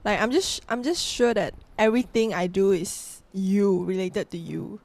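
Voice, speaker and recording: Woman in her twenties, soft and giggly, gravelly fry. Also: mid-range voice, moderate pace. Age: 20s. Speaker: podcast guest. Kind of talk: casual chat.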